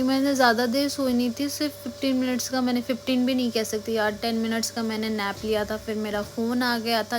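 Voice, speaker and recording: A woman's voice: a little high, a bit bright. A young woman, chatting casually through a daily vlog, rambling and mixing in English words. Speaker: vlogger.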